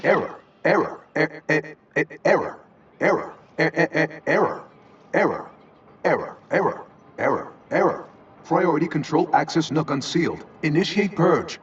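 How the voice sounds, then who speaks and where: A cold, calculating machine mind breaks down into a glitching robot voice. It stutters, loops and chops its own words apart with a lively, jumpy pitch. The game audio sounds distant and dull, as if heard from across the room. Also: male voice, moderate pace, a little hiss or hum. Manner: repeats broken word fragments, stutters mid-word. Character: malfunctioning male AI computer, cold and calculating. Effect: glitching robot voice, stuttering and looping words. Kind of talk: video game voice acting.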